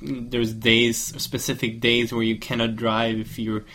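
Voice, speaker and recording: A man's voice: mid-range voice, monotone, measured pace, fairly bright tone, slight background noise. A man from Norway, taking part in a casual discussion in English, hesitating often with fillers. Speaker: discussion participant.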